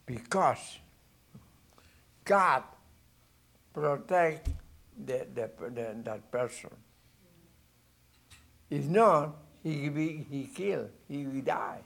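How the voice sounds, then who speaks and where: A man preaching a sermon in halting, non-native English with many restarts, swinging between loud bursts and low asides. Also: vocal fry.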